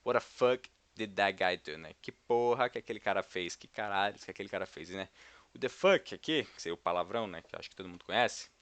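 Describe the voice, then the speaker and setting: Low-voiced Brazilian man teaching English. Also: lively intonation, quick pace, fairly bright tone, dry recording. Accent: Brazilian Portuguese. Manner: explanatory, keeps checking in with the viewer. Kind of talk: informal language lesson.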